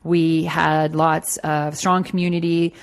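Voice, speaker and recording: A woman's voice: deep voice, level tone, slow. A middle-aged woman from Toronto, a magazine editor talking as a podcast guest in a loose, conversational way with fillers and restarts. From Toronto, Canada. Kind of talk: relaxed interview answers.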